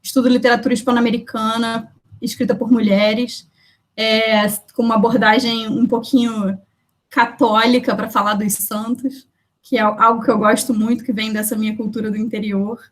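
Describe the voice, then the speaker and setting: She's a Brazilian poet and researcher giving a chatty self-introduction at an online poetry gathering, filling her speech with fillers and warm thanks from home via video call. The voice is fairly high, flat in delivery, at a normal speed.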